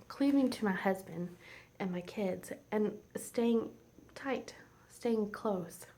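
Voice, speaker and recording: A woman in her forties with a mid-range voice and vocal fry, chatting casually as a home vlogger. She rambles, heartfelt and teary, often sinking to a soft near-whisper.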